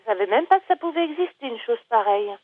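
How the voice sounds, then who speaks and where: A woman's voice: a little high, expressive, quick pace, dry recording. A woman from an animal shelter on the phone, indignant and insistent. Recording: tinny phone line.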